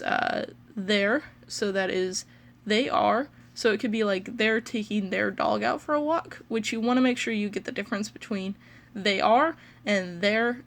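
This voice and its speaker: A woman with a Midwestern American accent talks through pronunciations at an unhurried, halting pace, filling her gaps with ums. Her voice has a gravelly, creaky edge, and her pitch sits in the middle of a woman's range. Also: fairly bright tone. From United States. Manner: slow and hesitant, many ums and pauses. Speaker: pronunciation video host. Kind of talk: casual explanatory teaching.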